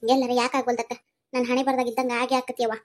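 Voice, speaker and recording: Woman doing a young cartoon village daughter, North Karnataka Kannada accent, high-pitched, quick, soothing and pleading. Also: little pitch movement, natural voice. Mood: tender. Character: young unmarried village daughter, gentle and devoted. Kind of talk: cartoon voice acting.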